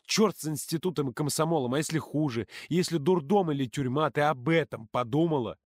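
A man voicing a hot-tempered teenage boy close to hysteria in an audiobook, yelling and pleading in a raised voice. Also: a little high, brisk, no room sound, voice pushed up, close to an everyday voice. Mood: raging. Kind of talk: audiobook character voice.

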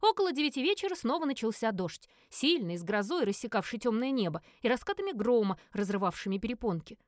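A woman narrating a first-person audiobook in a lively acted reading, briefly giving each character a voice. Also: on the high side, fast, no room sound, studio quality.

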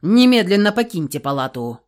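Woman reading as angry male doctor, loud scolding, voice all over the place, audiobook. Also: lowish voice, big pitch swings, fairly quick. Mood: indignant. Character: stern indignant male doctor, head of ward.

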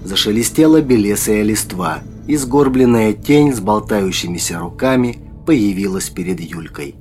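A man narrating a dark fantasy audiobook in a measured storytelling manner, with faint music behind him. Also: on the low side, animated.

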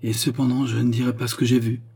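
A man's voice: mid-range voice, little pitch movement, fast talker, mellow, slightly rough. A man reading an audiobook, voicing a jealous young nobleman who speaks with intense, barely restrained accusation. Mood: brooding.

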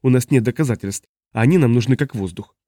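A man voicing a calm, cautious young woman speaking inside another's mind. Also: mid-range voice, quick pace, no echo, clean studio sound, natural voice. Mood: urgent.

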